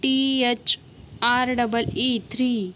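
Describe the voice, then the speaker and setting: A woman's voice: on the high side, fairly even intonation, very slow, fairly bright tone, slight background noise, rough recording. A woman with a Maharashtrian Indian accent teaching a simple lesson, explaining as if to a young child.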